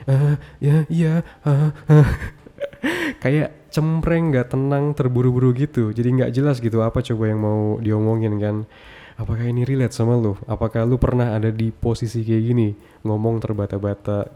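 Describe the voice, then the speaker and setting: A man talks to camera in a relaxed, slangy advice monologue, addressing the viewer directly. His voice sits fairly low and has a dark, mellow tone. He stacks his points in quick, short phrases. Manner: speaks straight to the viewer in slangy, casual address; lists points one after another in short phrases. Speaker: self-improvement content creator. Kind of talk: casual talking-head advice monologue.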